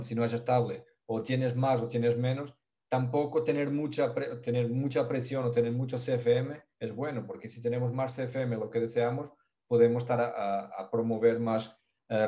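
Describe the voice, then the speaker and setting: A ventilation specialist from Portugal, speaking with a Portuguese accent, presents a technical topic in a second language, stumbling, restarting and searching for words. His mid-range voice is mellow and dark, and the audio is dull and lo-fi, like a call.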